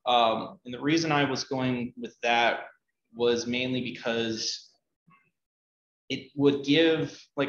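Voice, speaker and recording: A man speaking at a meetup, answering audience questions in a relaxed, hesitant way with many ums and uhs. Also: medium pitch. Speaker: conference speaker. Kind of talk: conversational Q&A talk. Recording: roomy, dull, faint noise.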